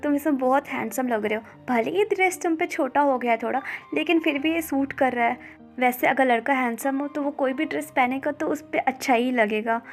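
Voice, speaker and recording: A woman voicing an excitable, cheerful young man who gushes and teases his friends. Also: very high-pitched, a little fast, faint music behind. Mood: excited.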